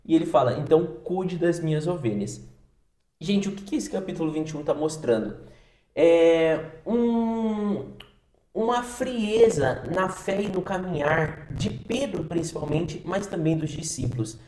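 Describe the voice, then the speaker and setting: A man's voice: on the high side, expressive, unhurried, darkish tone. A man co-hosting a podcast, discussing Bible passages in a casual, conversational way with frequent tag questions. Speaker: podcast co-host. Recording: roomy echoey sound.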